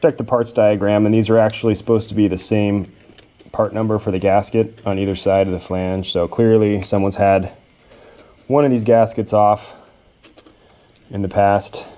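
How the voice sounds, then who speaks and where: A man's voice: lowish voice, little pitch movement, moderate pace, mellow. A man hosting a repair video, talking casually and self-deprecatingly as he works in a workshop. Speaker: host of a machinery repair video. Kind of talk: casual hands-on repair narration.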